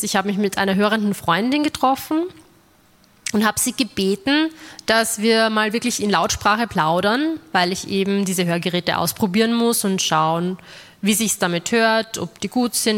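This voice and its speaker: A woman's voice: mid-range voice, normal speed. A woman from Austria telling a stand-up story, acting out the dialogue and talking to the audience. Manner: lively, acts out dialogue with an audience. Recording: reverberant hall.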